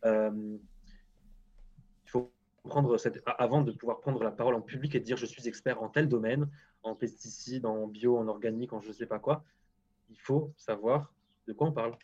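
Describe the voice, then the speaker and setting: A man's voice: medium pitch, moderate pace, darkish tone, slightly rough, dull audio. A man speaking as a guest scientist in a casual interview, frank and hesitant, often restarting his sentences.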